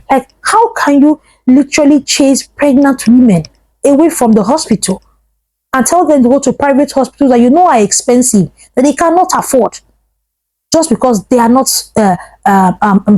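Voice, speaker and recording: A woman's voice: on the high side, mellow, no room sound, poor audio. A Ghanaian woman giving emphatic opinion commentary as a vlogger, repeating phrases for stress.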